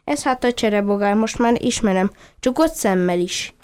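A woman's voice: mid-range voice, lively intonation, darkish tone, clean tone, close to an everyday voice. A woman voicing a curious, proud male puppy who explains things patiently and earnestly. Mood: confident.

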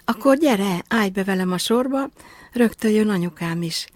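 A woman voicing an excited, kind-hearted little girl in a storybook reading, with eager exclamations. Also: medium pitch, no echo, natural voice. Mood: friendly.

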